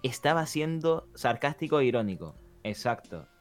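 Sarcastic co-host, mid-pitched voice. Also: male voice, lively intonation, moderate pace. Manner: sarcastic, teasing, stumbling over words. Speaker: podcast co-host. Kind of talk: casual live-stream chat. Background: faint background music.

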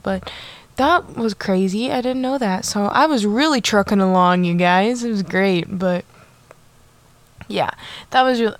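A woman's voice: mid-range voice, no room sound. A young woman hosting her own podcast in a bubbly, chatty way, full of "like" and asides to her listeners. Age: young adult. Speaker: podcast host. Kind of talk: casual solo podcast chat.

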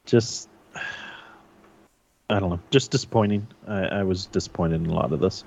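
Very deep-voiced man, low-key and hesitant. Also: normal speed, vocal fry, a little mellow, dull audio. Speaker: podcast co-host. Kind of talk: casual movie review chat.

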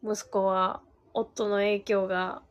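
A woman's voice: medium pitch, level tone, lo-fi sound. A woman, co-hosting a podcast in casual chat, teasing and laughing often. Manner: teasing, quick back-channel replies, laughs often. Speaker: podcast co-host.

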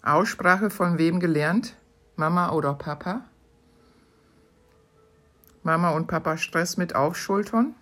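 A woman hosting her podcast, reading short questions aloud from her own book in a calm, measured way. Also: lowish voice, soft background music. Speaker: podcast host.

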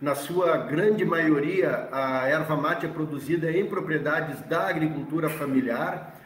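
A Brazilian man giving an explanatory presentation, haltingly, repeating words as he searches for phrasing. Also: a little high. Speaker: agricultural extension worker, interviewee. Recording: roomy, echoey, distant from the mic.

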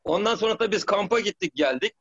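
A man's voice: sits high, lively intonation, fast talker, gravelly, a bit bright, lo-fi sound. A middle-aged man, a former footballer, telling stories in a rambling way, with many restarts and "tamam mı?" checks. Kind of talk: casual storytelling interview.

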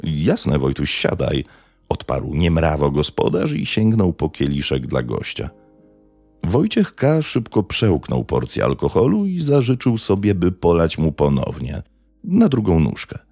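A man narrating a true crime story in a measured, dramatic way. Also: sits low, sing-song, creaky, warm tone, breathy edge, dry recording, faint music behind.

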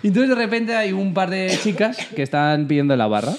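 A man's voice: high voice, brisk. A man from Spain telling an anecdote in a casual podcast chat, acting out the dialogue and laughing often. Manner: animated storyteller, acts out dialogue, laughs often. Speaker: podcast host.

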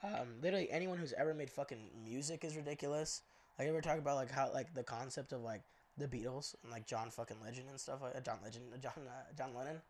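A man's voice: medium pitch, quick pace, a little mellow. A young man co-hosting a casual podcast chat. He sounds congested and rambles, with lots of fillers and swearing. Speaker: co-host.

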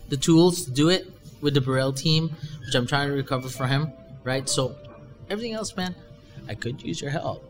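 A man in casual chat, rambling and animated, his voice jumping up when he gets excited. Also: medium pitch, moderate pace, faint music behind.

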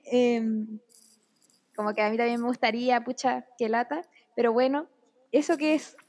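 A young woman with a Chilean accent and a high voice. She talks in a casual chat, hesitant and often searching for the right words. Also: unhurried, darkish tone.

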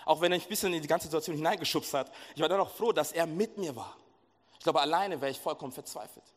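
A young man preaching in a church service, telling a personal story in a casual, animated way with slang. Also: on the high side, quick pace. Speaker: pastor. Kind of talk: sermon with a lively personal story. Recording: echoey hall.

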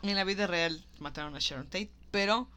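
A woman's voice: on the low side, moderate pace. A woman chatting casually as she recaps a film, acting out the characters' lines with animation. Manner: animated, acts out quoted lines.

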